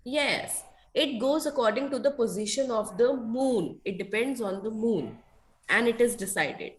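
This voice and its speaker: Over an online video call, a woman with an Indian accent teaches a children's class in a slightly high, expressive and unhurried voice. She asks checking questions and repeats key points.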